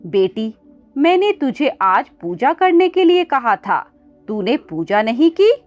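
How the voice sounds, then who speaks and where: Lady voicing a gentle old brahmin woman, comforting, high and lively, faint music on dull audio. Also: takes it slowly. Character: kindly wise old Brahmin woman, a goddess in disguise.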